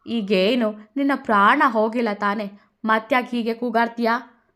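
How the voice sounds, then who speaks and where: A woman's voice: fairly high pitch, fairly even intonation, moderate pace, fairly bright tone, lightly acted. A woman voicing a drunk, arrogant young woman in a narrated story, taunting and condescending.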